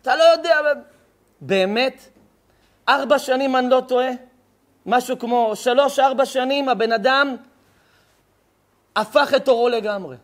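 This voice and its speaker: A man's voice: extremely high pitch, long pauses. A man giving a rabbi's lesson to a live audience, telling a story with emphatic repetition. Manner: emphatic, repeats words for effect. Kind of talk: lively storytelling sermon.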